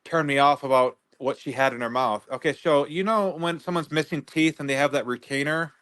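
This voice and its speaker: A man with a fairly high voice talks in a loose, rambling way. He stops and restarts often as he chats as a guest on a livestream. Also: a bit bright. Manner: rambling, halting, many restarts. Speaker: guest neighbor. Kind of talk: casual livestream interview.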